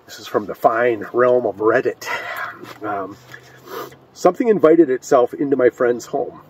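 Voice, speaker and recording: A man's voice: mid-range voice, measured pace, darkish tone, a little hiss or hum. A man from Michigan, recorded outdoors on a cold night, chatting and joking with many fillers as he reads ghost stories aloud. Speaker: co-host of a ghost story show. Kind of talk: casual chat and reading ghost stories aloud. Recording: distant mic outdoors.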